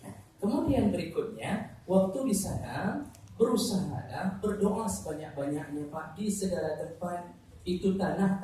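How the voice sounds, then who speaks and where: A man preaching a lively sermon to pilgrims, telling jokes and asking the audience questions. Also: high-pitched. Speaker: Islamic preacher. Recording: very echoey hall, distant mic, faint noise.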